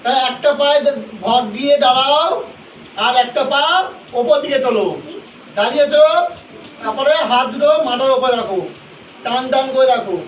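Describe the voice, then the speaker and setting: A very high-pitched man leads a children's yoga class, giving short commands and repeating them over and over. He is heard from far off in a large, echoey indoor hall, with faint noise behind him. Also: moderate pace, long pauses. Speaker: yoga teacher.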